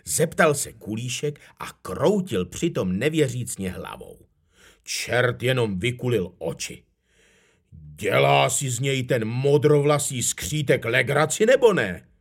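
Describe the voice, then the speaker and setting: A man reading a children's fairy tale aloud in an animated storytelling manner. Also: medium pitch, creaky, slightly rough.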